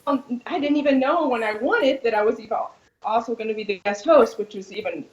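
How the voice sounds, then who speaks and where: A woman guest co-host recounting stories in a lively manner, laughing often. Her voice has a mid pitch. The sound carries a noticeable echoey room. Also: fairly quick, muffled recording. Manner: animated, laughing storyteller. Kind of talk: casual chat.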